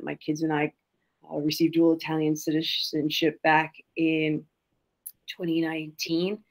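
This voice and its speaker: This is a forty-year-old woman with a New York accent, talking in a slightly low voice. She is an upbeat, chatty genealogist presenting a webinar over a video call. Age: 40s. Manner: upbeat, chatty, self-deprecating. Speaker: genealogist guest.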